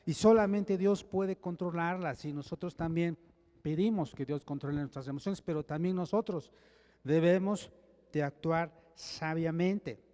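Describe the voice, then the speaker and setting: A man's voice: fairly high pitch, measured pace, warm tone, long reverb tail. A man preaching a sermon in an earnest, conversational way, often checking in with his listeners. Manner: earnest, conversational preaching with frequent restarts and rhetorical "¿sí?". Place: church.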